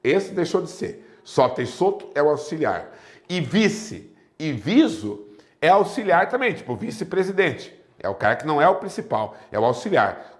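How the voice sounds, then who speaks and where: A man with a Brazilian Portuguese accent teaching a lively exam-prep grammar lesson, often asking rhetorical questions. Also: fairly high pitch.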